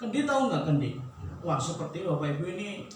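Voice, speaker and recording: A man preaching a sermon in a chatty, joking way, laughing often and acting out nagging spouses in a squeaky voice. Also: sing-song, brisk, recorded from a distance, slight background noise. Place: church sanctuary. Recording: echoey church hall, mic from afar.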